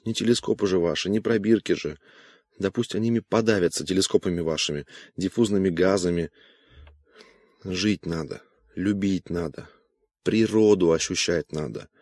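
A weary, bitter scientist, as a man reads him in an audiobook, speaks slowly and dismissively. His voice sits very low and is recorded dry and close, with no room around it. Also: darkish tone, no room sound. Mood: brooding. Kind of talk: audiobook character voice.

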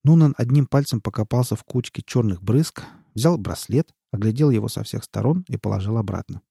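Male narrator, husky, mellow, dry close studio sound, measured reading. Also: lowish voice, animated, dry recording. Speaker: audiobook reader. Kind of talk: scripted narration.

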